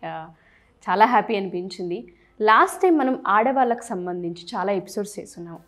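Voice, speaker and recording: A woman's voice: mid-range voice, lively intonation, brisk, a bit bright. A woman hosting an interview, asking polite questions and addressing her guest respectfully. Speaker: interview host.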